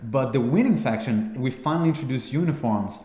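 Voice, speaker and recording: A man's voice: mid-range voice, lively intonation, brisk, warm tone. Man, game developer, enthusiastic casual chat, echoey room, long reverb. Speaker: game developer on a dev stream.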